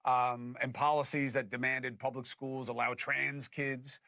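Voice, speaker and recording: A man hosting a podcast, giving emphatic, animated political commentary. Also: medium pitch, unhurried, creaky, no echo. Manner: emphatic and animated, with scornful laughs. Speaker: podcast host.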